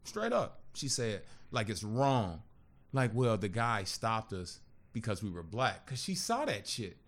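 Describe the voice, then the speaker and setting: This podcast guest, a man in his thirties, speaks in a lowish, unhurried voice while recounting something that happened to him. He's relaxed yet animated and profane, voicing what other people said.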